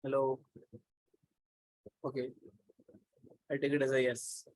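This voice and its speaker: A man's voice: mid-range voice, monotone, slow pace. A male instructor giving a live online lecture, explaining in a loose, rambling way with many restarts.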